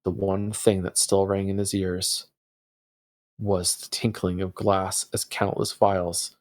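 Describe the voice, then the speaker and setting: A man's voice: low-pitched, takes it slowly. A man streaming a story game, reading its text aloud expressively and dropping into casual chat. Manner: expressive storytelling with stumbles over words. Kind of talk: dramatic narration mixed with casual chat.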